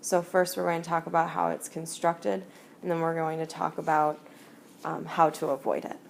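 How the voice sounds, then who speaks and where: Woman teacher, low-ish voice, unhurried screencast explainer, faint background hiss. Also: completely flat delivery, creaky. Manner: slow, deliberate explaining while writing. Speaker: French teacher. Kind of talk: screencast grammar lesson.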